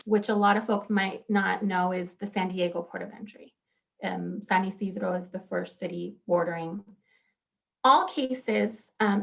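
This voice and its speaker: A woman in her thirties presenting as a law professor on a conference panel, earnest and animated, with frequent fillers. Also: mid-range voice, vocal fry.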